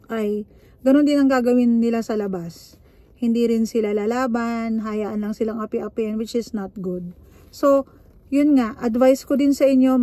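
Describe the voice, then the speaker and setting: A woman's voice: a little high, dark tone, no echo. A middle-aged woman from the Philippines, a nurse giving frank, assertive advice in a casual monologue, mixing English into her talk. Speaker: nurse vlogger.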